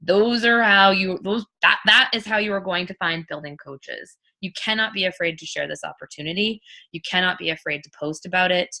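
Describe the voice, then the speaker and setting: A team leader runs an informal coaching talk in a lowish, brisk voice that sounds pushed and bright. She's blunt and emphatic, repeats her points, and swears freely.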